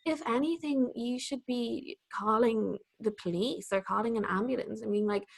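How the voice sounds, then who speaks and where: A woman's voice: a little high, normal speed, gravelly. A young woman in her twenties co-hosting a podcast, chatting casually and swearing freely. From Ireland. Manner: chatty, swearing, laughing often. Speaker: podcast co-host. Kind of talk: casual chat.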